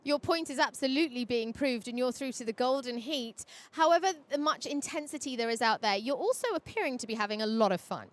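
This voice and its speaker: High-voiced female trackside interviewer. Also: a little fast, few pauses. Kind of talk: sports interview.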